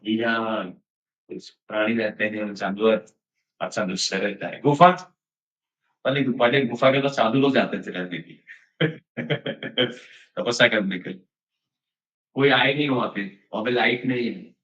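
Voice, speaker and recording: A man's voice: on the low side, measured pace, long pauses, a bit bright. A man giving a storytelling sermon in a chatty style, mixing in English phrases and laughing now and then. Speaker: devotional speaker. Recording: echoey, distant, dull sound.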